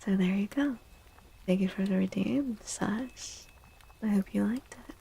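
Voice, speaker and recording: Speaking at medium pitch, a woman streams tarot readings in a soft ASMR style. She is gentle and breathy, often close to a whisper, and leaves unhurried pauses.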